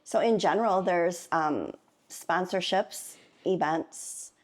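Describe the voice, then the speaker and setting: A woman's voice: on the low side, takes it slowly. Friendly woman explaining as an interview guest. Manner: friendly, explanatory, uses fillers. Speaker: chamber of commerce president, guest. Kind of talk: interview answers.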